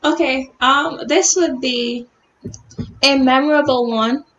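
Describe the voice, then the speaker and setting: A woman co-hosts a youth talk show from a video call. Her voice sits high. She tells stories in a chatty, laughing way. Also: steady tone, slow, a bit bright, lo-fi sound, a little hiss or hum. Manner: chatty storytelling with frequent laughs. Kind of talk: casual panel chat.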